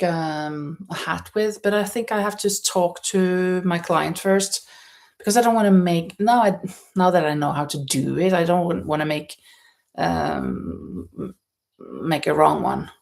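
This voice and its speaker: A Norwegian woman with a low-leaning, darkish voice hosts a casual livestream from indoors at a holiday stay. Knitting as she talks, she rambles hesitantly and reads out viewer comments in her Norwegian accent.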